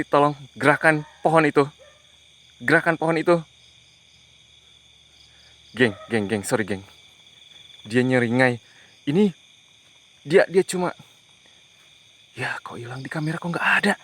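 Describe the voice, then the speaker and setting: A man hosting a paranormal investigation, giving hushed, tense live commentary outdoors at night among trees, muttering prayers and pleading. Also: fairly high pitch, unhurried, pauses often. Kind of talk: live ghost-hunting commentary.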